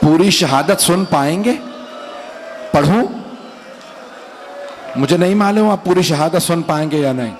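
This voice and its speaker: A man's voice: fairly high pitch, expressive, measured pace, pauses often, a little hiss or hum. A man, a cleric, delivering a mournful Muharram majlis sermon and speaking straight to his listeners. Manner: mournful, emotional storytelling that addresses the audience directly.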